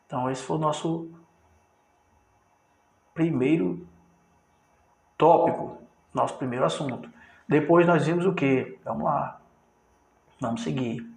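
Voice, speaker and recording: A man's voice: fairly high pitch, unhurried, gravelly, long pauses, a little mellow, echoey room. A man from Brazil teaching a grammar review lesson, explaining step by step and often checking in with his listeners.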